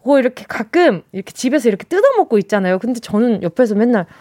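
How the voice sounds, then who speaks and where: A woman radio host with a high voice that leaps up and down. She chats casually and playfully, teasing her listeners with a bright, animated delivery. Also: very fast, no echo, studio quality.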